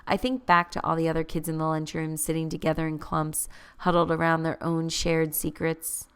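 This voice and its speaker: Low-voiced woman narrating an audiobook. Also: level tone, moderate pace, clean tone. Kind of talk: first-person audiobook narration.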